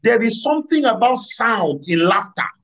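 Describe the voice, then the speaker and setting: A man preaching a sermon, animated, laughing and drawing answers from his congregation. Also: very high voice, normal speed, poor audio. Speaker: pastor.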